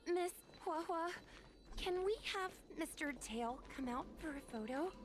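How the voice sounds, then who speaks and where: A woman voicing an excitable, theatrical young female streamer in an overacted anime-style game performance. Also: very high-pitched, moderate pace, a little hiss or hum. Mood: excited.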